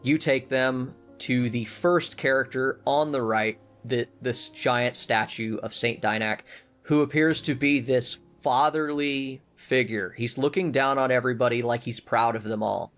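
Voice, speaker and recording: A man's voice: medium pitch, a little slow, fairly bright tone, faint music behind. A man narrating a tabletop game as game master, casual and full of self-corrections.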